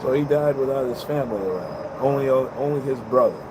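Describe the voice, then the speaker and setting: A man's voice: medium pitch, expressive, brisk, background noise. A man in his fifties giving rambling, earnest life advice in a casual monologue, swearing freely and repeating himself. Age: 50s. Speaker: vlogger. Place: balcony, outdoors.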